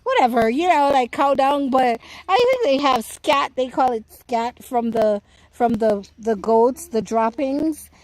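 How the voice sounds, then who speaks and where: Outdoors, a woman gives a casual, chatty live tour of her home vegetable garden, explaining things to viewers as she talks into her phone. Her voice is slightly high with a darkish tone, and the audio quality is poor.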